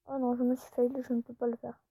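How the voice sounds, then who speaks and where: A woman's voice: fairly high pitch, completely flat delivery, fast, warm tone, breathy edge, dry recording. A woman YouTuber giving casual gameplay commentary, chatty and often dropping into whispered asides. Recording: tinny phone-like recording.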